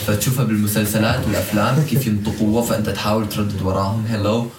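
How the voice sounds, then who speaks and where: Low-voiced man, distant and echoey. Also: level tone, racing. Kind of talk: casual chat. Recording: echoey room away from the mic, faint noise.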